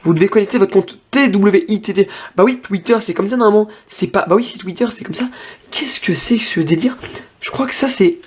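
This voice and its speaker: Young man, high-pitched voice, casual tech vlog, thinking aloud, fillers and restarts. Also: fast, few pauses, breathy edge. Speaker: tech vlogger. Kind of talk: casual hands-on device demo.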